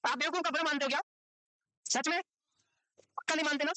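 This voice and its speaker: A man teaching a medical course, lecturing in a chatty, joking way and quizzing students with quick questions he answers himself. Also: very high voice, steady tone, pushed and bright, dry recording, poor audio. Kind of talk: lecture to a class, mixed with casual chat. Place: classroom with students present and online.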